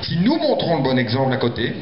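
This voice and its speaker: A man's voice: mid-range voice, huge pitch swings, quick pace, over a noisy crowd. A man representing a project at a public meeting, arguing persuasively in an insistent, explanatory way. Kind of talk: spontaneous persuasive address. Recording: echoey, muffled hall with audience noise.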